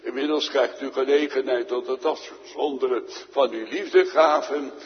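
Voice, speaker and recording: A man leading a church service, announcing a psalm and reading its verses formally. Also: mid-range voice. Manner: slow, formal. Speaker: minister. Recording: reverberant, dull lo-fi church recording.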